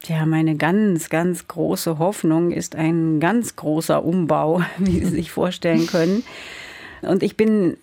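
A woman's voice: deep voice, steady tone, takes it slowly, dark tone, dry recording. A woman novelist who grew up in the Soviet Union, answering in a thoughtful, searching way with some hesitations in a radio interview. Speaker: novelist guest.

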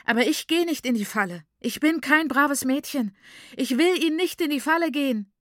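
A woman's voice: mid-range voice, moderate pace, darkish tone, dry recording, clean studio sound, lightly acted. A woman voicing a desperate, starving teenage girl who swings between bitter whispers and fury, in an audiobook. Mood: raging. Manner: whispers, hisses, then screams in fury.

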